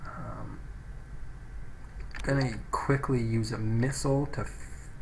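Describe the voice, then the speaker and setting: A man with a mid-range voice and a steady tone takes his time, with a faint hiss or hum behind him. He's a gaming let's play host giving casual commentary, thinking aloud and reading game text through a low-quality microphone.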